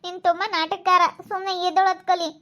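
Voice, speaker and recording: A woman's voice: very high-pitched, flat delivery, fast, sharp tone. Woman as Susu, a nagging village woman. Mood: scolding. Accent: Hiriyur Kannada. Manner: nagging, scolding, complaining.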